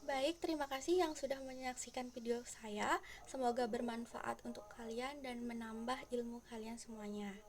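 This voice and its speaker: A woman's voice: a little high, steady tone, normal speed. A woman teacher giving a classroom-style lesson, patiently explaining step by step and speaking directly to her viewers.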